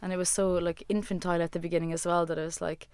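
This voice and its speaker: Smooth, low-voiced woman in relaxed chat. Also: racing, no room sound. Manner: rambling, heavy use of "like" fillers. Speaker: guest, musician and former designer. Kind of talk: casual interview chat.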